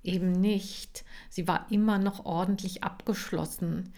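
A woman voicing an upset man, soaking wet, who speaks low and slow in a children's audiobook. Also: fairly even intonation, darkish tone. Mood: glum.

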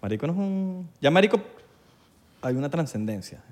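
Man, Venezuelan Spanish accent, slightly high voice, very lively pitch, joking slangy banter. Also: normal speed. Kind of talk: casual chat.

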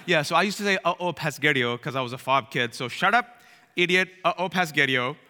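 A man, telling comic stories to a live audience and shouting out punchlines. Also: a little high, animated, fairly quick. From Bay Area, California. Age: 30s. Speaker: speaker. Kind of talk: comic storytelling talk. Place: large hall with live audience. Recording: reverberant hall.

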